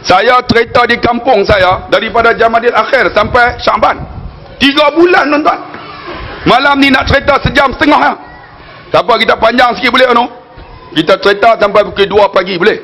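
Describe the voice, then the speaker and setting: A man's voice: extremely high pitch, a little fast, sharp tone, a little hiss or hum. A man in his forties with a northern Malaysian Malay accent, giving a religious lecture as a storytelling preacher who keeps addressing the audience and slips in jokey asides. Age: 40s.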